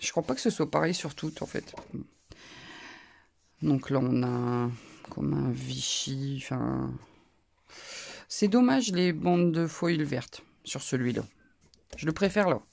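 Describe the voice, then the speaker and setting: A woman's voice: low-pitched, takes it slowly, creaky, pauses often, a little mellow. A woman with a northern French accent, chatting casually and rambling with frequent asides as she shows off her crafting purchases in a haul video. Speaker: crafting YouTuber.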